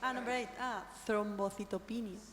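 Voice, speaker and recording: A woman's voice: medium pitch, fairly even intonation, normal speed, a little hiss or hum. A woman in a class, trying difficult medical words hesitantly and carefully. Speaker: class participant. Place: hospital lecture hall. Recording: distant voice in an echoey hall.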